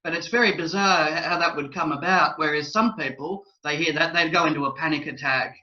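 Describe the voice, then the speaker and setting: A man's voice: fairly high pitch, fairly quick, sharp tone, highs cut off. A male talk show host offering reflective comments in a casual interview.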